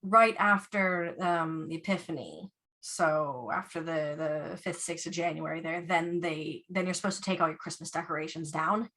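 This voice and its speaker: Lowish woman on a zoom call, chatty, laughs a lot. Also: fairly even intonation, moderate pace, fairly bright tone. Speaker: yarn dyer, guest. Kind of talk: casual video call chat. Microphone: video call.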